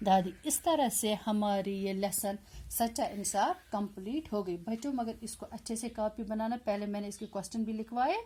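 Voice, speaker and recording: A woman schoolteacher giving a recorded lesson to young children, speaking slowly and repeating each question and its answer. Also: medium pitch, warm tone. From Kashmir. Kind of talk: recorded Urdu lesson for fourth graders.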